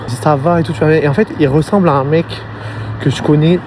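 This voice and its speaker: Young guy, animated slangy storyteller, bit high voice, city traffic behind. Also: fast. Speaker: vlogger. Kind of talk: storytime monologue to camera. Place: outdoors on a city street at night. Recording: traffic noise outside.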